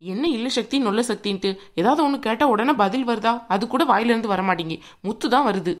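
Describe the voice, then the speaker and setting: A woman's voice: a little high, animated, fast, lightly acted. A woman voicing a quarrelsome young bride-to-be in a cartoon, sarcastic and nagging. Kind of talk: cartoon voice acting.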